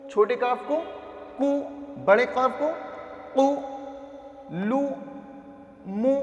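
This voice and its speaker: High-voiced man teaching letter sounds, echoey. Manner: drills letter sounds, repeats each syllable, asks and answers his own questions. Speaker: Quran reading teacher. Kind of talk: slow classroom recitation lesson. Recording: echoey roomy reverb.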